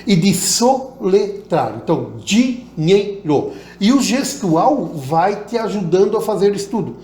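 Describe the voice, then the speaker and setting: A man's voice: high-pitched, sing-song, unhurried, dark tone, slight background noise. A man who teaches public speaking, giving tips as an interview guest and demonstrating vocal emphasis, with a Southern Brazilian Portuguese accent. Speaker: oratory teacher. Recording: echoey room.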